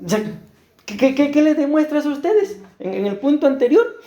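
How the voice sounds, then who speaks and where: Costa Rican male pastor, mellow tone, preaching with roomy church echo. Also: extremely high pitch, sing-song, brisk, dull audio. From Costa Rica. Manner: earnest, asks the congregation rhetorical questions. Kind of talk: sermon. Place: church hall.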